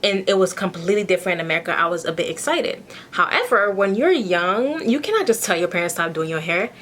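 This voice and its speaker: A young Haitian beauty vlogger talks casually through a get-ready-with-me skincare routine, speaking frankly and often checking in with a quick "okay?". Her voice is mid-range, expressive, and a bit bright.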